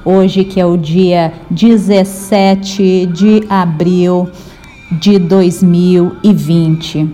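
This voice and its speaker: A woman from Brazil hosts a podcast, reading her introduction slowly and with care. Her voice is mellow and dark, with faint music beneath it. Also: fairly low pitch, steady tone. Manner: slow, measured reading. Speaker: podcast host.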